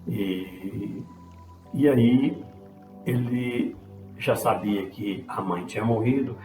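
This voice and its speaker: A man's voice: on the low side, very slow, dark tone. A man, telling a religious story in a casual lesson, with frequent tag questions and restarts. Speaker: Spiritist study speaker. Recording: roomy echo with faint music.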